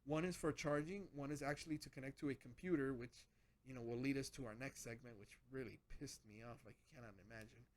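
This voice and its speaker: A man's voice: medium pitch, steady tone, fast. A man hosting a casual gadget vlog, rambling with lots of restarts as he explains his setup. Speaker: channel host.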